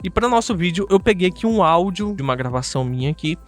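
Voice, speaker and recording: A high-pitched male voice with a Brazilian Portuguese accent. He presents a software tutorial in a casual, chatty way, speaking directly to his viewers and often tagging on little check-in questions. Faint music plays underneath. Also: expressive, fast. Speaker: host of an audio software tutorial channel.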